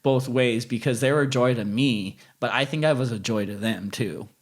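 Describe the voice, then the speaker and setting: A man's voice: mid-range voice, moderate pace. A man speaking candidly and reflectively as a guest in a casual conversational interview.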